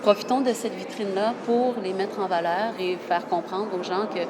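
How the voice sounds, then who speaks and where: A Québécois woman in her thirties, a journalist from Quebec, speaks earnestly as a guest in a casual interview, frequently restarting her phrases. Her medium-pitched voice moves at a moderate pace, and the recording is very noisy.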